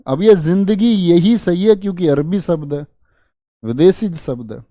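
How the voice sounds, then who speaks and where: A man's voice: sits high, moderate pace, dark tone, dry recording, clean studio sound. A man teaching spelling to exam students in a chatty, affectionate way, repeating words to drill them. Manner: dramatic promises to students. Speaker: Hindi teacher for exam prep. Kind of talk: online exam-coaching lesson.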